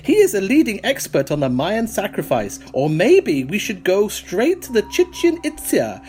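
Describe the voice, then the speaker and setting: A man voicing a mysterious male Mexican tour guide in his thirties, with a put-on Mexican accent and slow, theatrical delivery. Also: high voice, huge pitch swings, a little mellow, faint music behind, voice pushed up. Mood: ominous.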